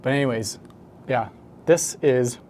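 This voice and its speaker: A man's voice: mid-range voice, unhurried, darkish tone, a little hiss or hum. A man talking casually to the camera as a home brewer, rambling and correcting himself as he goes. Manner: rambling, self-correcting, hesitant.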